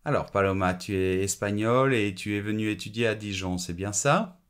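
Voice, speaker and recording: A man's voice: on the low side, moderate pace, a bit bright, smooth, close to an everyday voice. A man playing a chatty, self-mocking student radio host interviewing a guest in a scripted French lesson. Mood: upbeat. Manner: upbeat, friendly interviewer.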